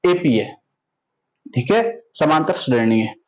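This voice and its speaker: A man's voice: fairly high pitch, lively intonation, slow pace, darkish tone, rough recording. A young man teaching a maths lesson, keeps asking questions, then answers them himself.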